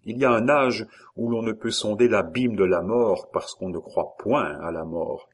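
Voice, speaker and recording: A man narrating a classic novel in a measured, expressive reading. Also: lowish voice. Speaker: audiobook narrator.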